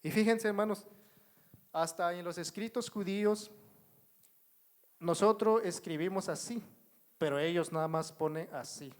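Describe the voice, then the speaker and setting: A man with a Mexican Spanish accent teaches a Bible study to a congregation, speaking at an unhurried pace. His voice sits fairly high for a man. He repeats himself and often stops to check that his listeners are following. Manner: addresses the congregation as brothers, asks if they follow; writes on a board while explaining. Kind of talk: slow, repetitive Bible teaching. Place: church.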